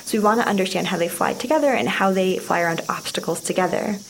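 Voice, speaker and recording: Female researcher, lower register, explaining her work on location in a cave with clear background noise. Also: fast. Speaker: mechanical engineer, field researcher. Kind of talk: explanatory field interview. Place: inside a large cave. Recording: clearly noisy cave field recording. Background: insect-like chirping and hum, bats overhead.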